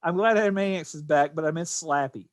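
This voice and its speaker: Fairly quick and fairly high in pitch, an American man rambles through casual podcast chat, frequently restarting and repeating phrases. The recording is studio quality with no echo.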